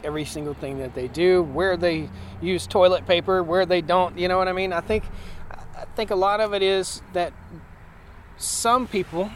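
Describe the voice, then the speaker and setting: A farmer in his forties talks in a plainspoken, emphatic way, often restarting his sentences. His voice sits on the higher side for a man. Faint outdoor noise hums behind him. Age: 40s. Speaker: homesteading farmer and guest. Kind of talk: casual interview chat. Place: outdoors at a conference.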